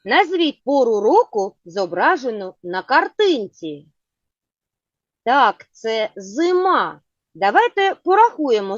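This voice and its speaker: A woman teaching a children's phonics lesson, asking patient, clearly spoken questions. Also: high voice, no echo. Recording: dull lo-fi sound.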